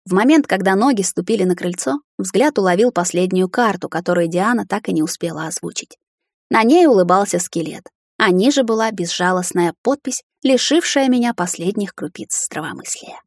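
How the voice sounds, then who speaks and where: A woman's voice: medium pitch, normal speed, dry recording. Female narrator, first-person fantasy audiobook, emotional delivery, dry studio sound. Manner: dramatic, emotional reading.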